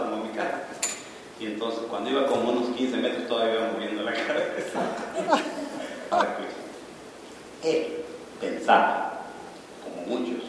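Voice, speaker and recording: A man's voice: medium pitch, background noise. A male pastor giving a sermon full of stories, acting out the dialogue as he tells them. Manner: warm anecdotal, acts out dialogue. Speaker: pastor and guest speaker. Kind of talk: sermon with storytelling. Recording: echoey hall from far off.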